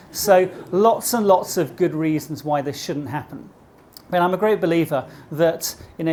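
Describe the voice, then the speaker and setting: A man's voice: on the high side, darkish tone, slight background noise. A middle-aged man with a posh British accent gives a motivational business talk to a live audience, engaging listeners with rhetorical questions. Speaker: keynote speaker. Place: speaking live at an event before an audience.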